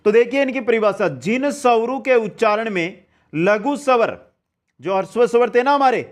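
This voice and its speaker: High-voiced man teaching a grammar lesson. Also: expressive. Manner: explains slowly, often answers his own questions; drags out sounds and counts slowly. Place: online class.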